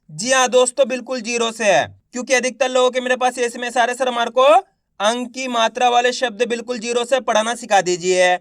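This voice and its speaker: A man with a fairly high voice teaches reading in an online lesson. He asks questions, answers them himself, and repeats each syllable slowly. The sound is dry and close, with no room echo. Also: a bit bright, clean tone. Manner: addresses viewers as friends, slow careful enunciation.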